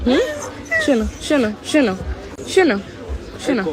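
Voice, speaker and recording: A woman's voice: a little high, animated, unhurried. A woman with a Gulf Arabic accent chatting casually, repeating words and phrases for emphasis. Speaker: social media vlogger. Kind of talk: casual chat. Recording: music and busy background chatter.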